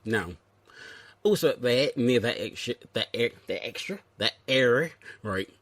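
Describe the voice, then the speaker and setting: A man's voice: mid-range voice, expressive, unhurried, fairly bright tone, no echo. A man from England hosting a comedic podcast, chatting in a playful, rambling and self-mocking way. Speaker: podcast host. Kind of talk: comedic casual chat.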